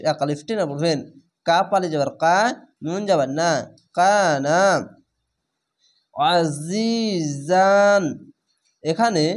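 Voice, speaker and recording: A man teaching Quran reading, spelling out letters one at a time and then stretching each recited word out slowly. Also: high voice.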